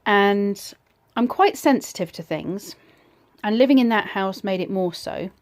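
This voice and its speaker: A woman recounts a personal ghost story in a casual, reflective way, her medium-pitched voice a little mellow. She hesitates slightly, leaving pauses between her short phrases.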